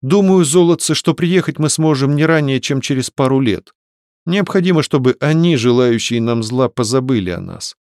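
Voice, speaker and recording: A man's voice: medium pitch, animated, a little mellow, dry recording, clean studio sound, pitched above the performer's own voice, natural voice. A male narrator voicing a stern older nobleman father who speaks firmly and with authority, in a raised voice. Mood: stern, resolute. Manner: measured, authoritative.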